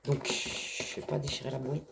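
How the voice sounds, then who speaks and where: A woman's voice: extremely low pitch, flat delivery, moderate pace, vocal fry. A young woman vlogging at home in a slangy, ranting, swearing style, sick with a cough. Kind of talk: casual chat to camera. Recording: noisy with clicking sounds.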